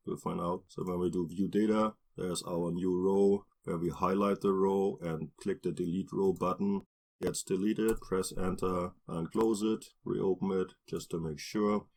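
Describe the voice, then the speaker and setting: A man with a deep, slightly husky voice talks through a coding tutorial over his screen recording. He explains each step in a plain, unhurried way, stopping and restarting now and then. It sounds like a desktop mic voice-over. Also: fairly even intonation, dark tone. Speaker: programming tutorial narrator.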